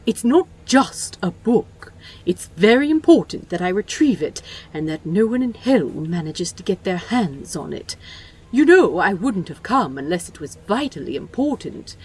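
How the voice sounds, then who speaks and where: Fussy polite male angel, husky voice, lively pitch, earnest, woman voicing him, fan audio drama. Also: normal speed. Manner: earnest, genteel, a little indignant.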